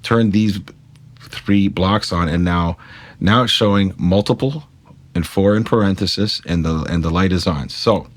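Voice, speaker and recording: A man's voice: sits low, a little slow, dry recording. A man giving a casual step-by-step tutorial, chatty and self-correcting, speaking straight to his viewers. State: talking with a pick in his mouth. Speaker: guitar gear tutorial maker. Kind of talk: casual screen-capture tutorial.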